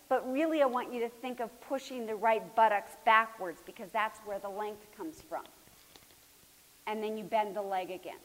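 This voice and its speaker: A woman teaching a floor movement class, coaching students by name with steady encouragement and sometimes dropping to a near whisper. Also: on the high side. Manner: drops to a near whisper at times. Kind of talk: live class instruction. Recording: hissy recording in a reverberant hall.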